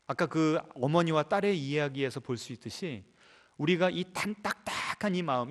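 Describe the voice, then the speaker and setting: Korean church pastor guy, fairly high voice, keeps firing questions at the pews. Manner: rhetorical questions to the congregation, rising to emphatic peaks. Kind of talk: sermon. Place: church sanctuary.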